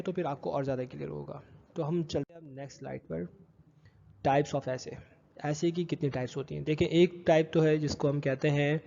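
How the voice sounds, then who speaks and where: Male college teacher, slightly high mellow voice, patient slide-lecture delivery, lo-fi echoey sound. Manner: explains slowly, repeating terms in two languages; checks understanding with short questions. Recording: dull lo-fi echoey room.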